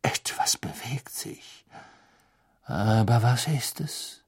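A man's voice: a little high, expressive, normal speed, gravelly, husky, pitched above the performer's own voice, full character voice. A man voicing an eccentric, mystical female divination teacher who murmurs and whispers theatrically, in a storybook reading.

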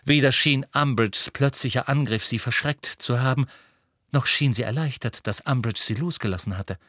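A man narrating an audiobook in an expressive, varied reading. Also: medium pitch, normal speed, no room sound, studio quality.

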